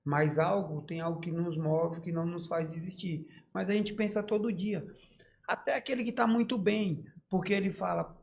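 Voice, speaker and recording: A man speaks as a guest on a podcast, recounting his own story in earnest, halting phrases full of restarts. His voice catches with emotion as he acts out what others said to him. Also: high voice, steady tone, gravelly. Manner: earnest, halting, with many restarts and quoted dialogue. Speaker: podcast guest, bakery founder.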